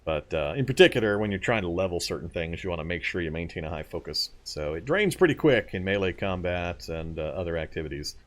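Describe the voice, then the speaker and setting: A man's voice: deep voice, expressive, quick pace, few pauses. A man streaming a video game live, thinking aloud as he loots, explaining game mechanics and chatting back to viewers with easy laughs. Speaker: let's play streamer.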